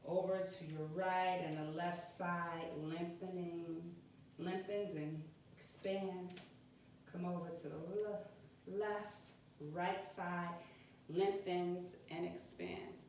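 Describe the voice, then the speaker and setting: A woman guiding an exercise class in a careful, unhurried, deliberate way, cueing step by step in short phrases. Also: on the low side, fairly even intonation, darkish tone. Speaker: yoga and pelvic floor exercise instructor. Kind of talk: guided exercise instruction. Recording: very echoey room, distant mic, muffled, faint noise.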